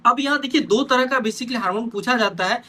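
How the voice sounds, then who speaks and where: Man, exam-prep teacher, bright tense voice, frequent check-ins with students. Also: very high voice, brisk. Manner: repeats "theek hai" as a check-in; addresses students directly, pointing at notes.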